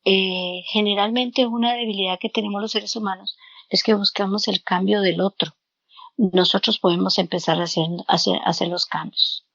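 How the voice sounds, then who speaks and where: A woman's voice: medium pitch, fairly even intonation, moderate pace, gravelly, fairly bright tone, dry recording. A woman guest giving counseling advice in an interview, explaining step by step and repeating words as she searches for them. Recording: dull lo-fi, dry sound.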